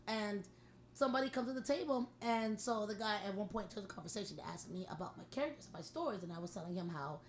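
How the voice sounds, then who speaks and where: A woman co-hosts a casual podcast, rattling through convention stories at a quick clip. She acts out the people she met as she tells them. A faint hiss sits under her voice. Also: medium pitch. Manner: animated storyteller, acts out quotes. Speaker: podcast co-host, artist.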